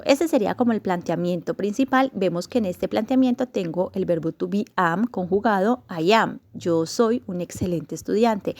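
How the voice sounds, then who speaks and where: A woman teaching an English grammar lesson in Spanish, explaining patiently step by step and slowing down to model example sentences. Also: mid-range voice, a little mellow.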